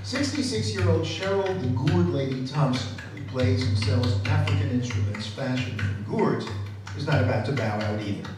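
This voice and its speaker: A male reporter narrating a news feature in a measured, crisp way. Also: medium pitch, over music. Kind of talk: scripted narration. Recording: echoey, distant, noisy.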